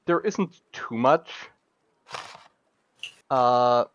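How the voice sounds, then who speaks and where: A man's voice: medium pitch, very slow, a little hiss or hum. A man narrating a tabletop game as game master, rambling and hesitant with many fillers, on a dull lo-fi mic.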